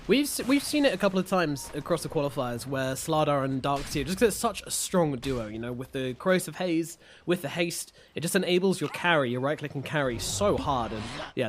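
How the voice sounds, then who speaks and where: A man casting an esports match, jokey and given to loud bursts of excitement. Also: mid-range voice, a little fast, a little hiss or hum. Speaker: esports caster. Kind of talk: play-by-play commentary.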